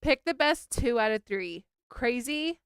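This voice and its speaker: A woman with a fairly high, crisp, resonant voice, talking with a co-host on a video call. She is candid and laughs often. Her mic sounds close and dry, with no room at all. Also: lively intonation, measured pace, a bit bright, no echo. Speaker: podcast co-host. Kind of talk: casual chat.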